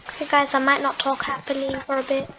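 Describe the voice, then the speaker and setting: High-voiced woman chatting over gameplay. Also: highs cut off, background noise. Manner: chatty, excitable, quick to apologize. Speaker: gaming video host. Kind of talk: casual game commentary. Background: game music.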